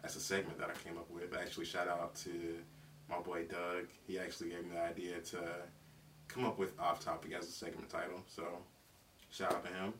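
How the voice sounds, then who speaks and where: A man in his twenties from South Carolina, hosting his own podcast in a relaxed, rambling way, with lots of fillers and casual slang. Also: deep voice, normal speed. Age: 20s. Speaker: podcast host. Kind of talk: casual solo podcast talk. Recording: distant mic with faint background noise.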